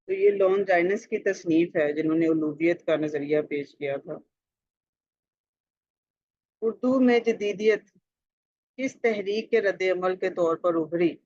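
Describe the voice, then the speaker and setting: A tutor with a Pakistani Urdu accent reads out multiple-choice exam questions and gives the answers, talking deliberately, repeating questions and adding conversational fillers. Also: mid-range voice, no room sound. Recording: dull lo-fi dry recording.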